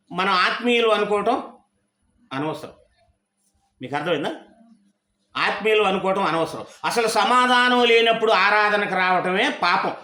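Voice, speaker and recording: A man's voice: high voice, bright, forceful tone, reverberant. A male pastor preaching a sermon, constantly firing rhetorical questions at his congregation.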